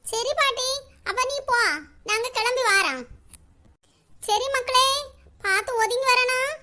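Woman doing a shrill bright cartoon auntie. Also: measured pace, full character voice. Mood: fussing. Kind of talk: cartoon character voicing.

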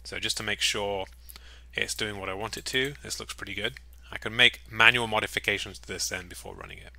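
A man giving a casual, upbeat screen-recorded software tutorial, with chatty, jokey asides. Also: lowish voice, fairly quick, vocal fry. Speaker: software walkthrough presenter.

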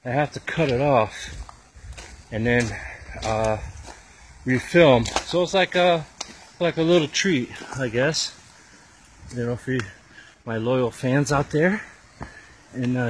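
Man, slow-paced vlogger, out of breath, hiking outdoors, faint background noise. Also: mid-range voice. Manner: chatty, talking to viewers while hiking. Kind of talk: outdoor exploring vlog. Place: outdoors on a rough trail. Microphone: handheld camera mic.

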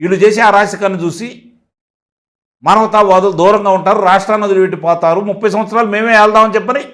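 A man, a political analyst speaking forcefully in a heated interview and firing off rhetorical questions. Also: high voice, steady tone, quick pace.

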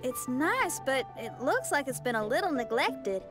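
A woman voicing a curious, kind young female traveler in a video game, with gentle questions. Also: sits high, big pitch swings, moderate pace, music in the background.

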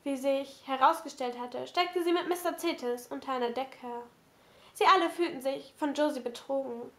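Amateur audiobook narrator, woman, high voice, measured. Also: fairly bright tone. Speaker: audiobook reader. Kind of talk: amateur novel reading.

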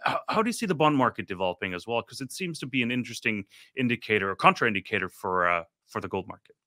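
A man's voice: on the low side, animated, fast talker, sharp tone, no room sound, clean studio sound. A middle-aged man hosting a finance podcast, asking chatty questions with frequent stumbling restarts. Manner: chatty, stumbling restarts, laughs at own remarks. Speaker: podcast host. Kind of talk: interview questions.

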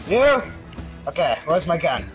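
A man's voice: on the high side, very animated, measured pace, loud music behind the voice, low-quality recording. A young man doing let's play commentary, joking, swearing a lot and talking back to game characters. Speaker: gaming video host.

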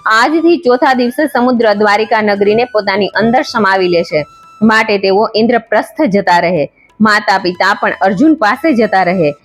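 A woman narrator voicing a calm divine male god who speaks in a gentle, reassuring, serene way. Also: mid-range voice, moderate pace, faint music behind, lightly acted.

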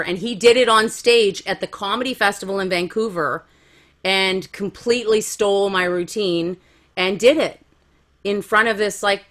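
A woman's voice: mid-range voice, fairly bright tone. Frank, self-mocking woman comedian. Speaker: comedian guest. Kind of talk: candid conversational storytelling.

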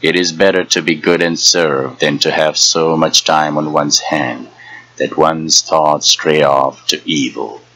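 A man's voice: very deep voice, steady tone, a little slow, bright, forceful tone, slight background noise, heavily acted, poor audio. A man voicing a proud young woman, a chief's niece, who speaks scornfully and gives orders. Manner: scornful, commanding.

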